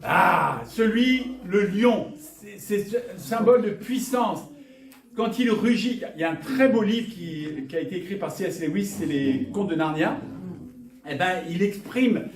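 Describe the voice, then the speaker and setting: A man from northern France preaching a lively sermon with rhetorical questions and jokes for the congregation. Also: high-pitched, measured pace, distant mic, crowd noise. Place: church hall. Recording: echoey church hall, from afar.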